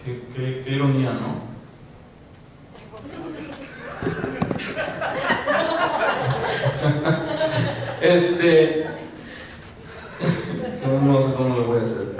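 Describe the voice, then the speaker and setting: A man's voice: medium pitch, slow pace, long pauses, a little mellow, slight background noise. A man preaching an informal sermon as pastor, chatty, often laughing, with many fillers. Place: church hall. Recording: very echoey hall, mic far off.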